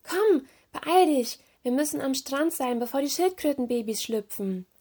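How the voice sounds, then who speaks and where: A woman reading aloud, voicing a brisk, caring older mermaid sister in a slightly raised, urging tone. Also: fairly high pitch, darkish tone, lightly acted.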